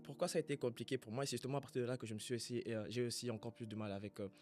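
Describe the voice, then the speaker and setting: A man from Congo in a casual faith conversation, speaking in a reflective, halting way as he searches for his words. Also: mid-range voice, fairly even intonation, darkish tone, soft background music.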